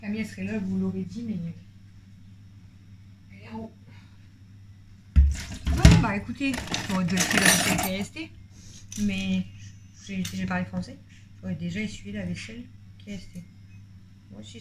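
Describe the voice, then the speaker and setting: A woman's voice: medium pitch, normal speed, long pauses, background noise. Chatty, rambling woman vlogging. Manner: rambling and talkative, jumps between topics; excitable, voice jumps up when worked up. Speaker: family vlogger. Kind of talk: casual chatty vlog to subscribers.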